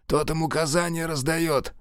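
A man voices a wounded, foul-mouthed, middle-aged ex-convict who snaps defiantly at his captors in a sullen audiobook character performance. He pitches his natural voice a little higher than his own, keeping a steady tone at a moderate pace. The sound is slightly bright and clean, recorded dry in a studio.

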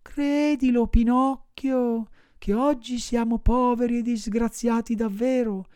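A man's voice: extremely high pitch, steady tone, slow pace, mellow, clean tone, studio quality, pitched above the performer's own voice. A man voicing a blind, scrawny male cat who begs with plaintive, echoing pleas. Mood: pleading.

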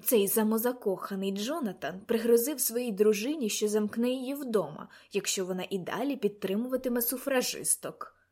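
A woman reading an audiobook, voicing a spirited society lady who speaks briskly and tartly. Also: fairly high pitch, mellow, husky. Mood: tart lively.

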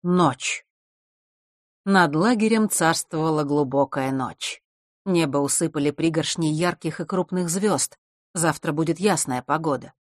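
A woman narrating an audiobook chapter in a calm, measured reading on a close mic. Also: deep voice, dry recording.

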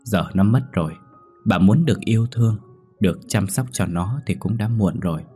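A man voicing a kind, grieving old village woman who speaks gently and sorrowfully. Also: lowish voice, moderate pace, husky, soft background music.

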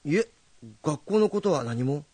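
An actor playing a young, earnest rakugo storyteller who is direct and meddling but kind. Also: male voice, fairly high pitch, a little slow, husky, no room sound. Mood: calm. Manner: animated, direct speech.

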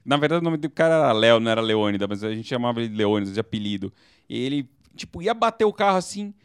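A man from Brazil co-hosting a casual late-night chat show, telling animated stories and bursting into movie-style screams. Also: mid-range voice, very fast, clear, resonant tone, no echo, clean studio sound. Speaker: podcast co-host.

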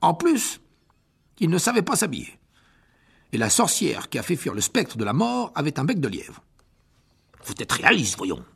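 A performer voicing a vain, evasive wizard teacher in a storybook reading, with a husky, gravelly voice, stammering through fillers and nervous laughs. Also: medium pitch, wildly swooping pitch, normal speed, pauses often, fairly bright tone, exaggerated voice. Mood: smug.

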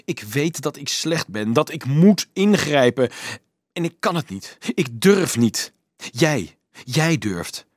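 A man's voice: fairly high pitch, very animated, slow pace, dry recording, pitched above the performer's own voice, full character voice. A cowardly, guilt-ridden man pleads in a strained, raised voice, as a male reader puts him on. The sound is dry and close, with no room around it. His manner is anxious and begging throughout. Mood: desperate pleading.

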